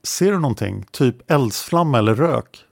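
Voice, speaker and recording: A man reads a methodical police inspector working through an interrogation, echoing each answer back as a question. The voice is gravelly and close, with a dry, deadened sound. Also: medium pitch, expressive. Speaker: interrogator in a read-out police protocol.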